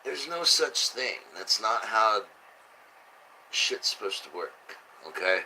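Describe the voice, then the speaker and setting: A man's voice: fairly low pitch, big pitch swings, takes it slowly, bright, forceful tone, slight background noise, low-quality recording. A man who sounds drunk, rambling through casual, blunt, sweary commentary as he reads out headlines. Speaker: host reading and reacting to news.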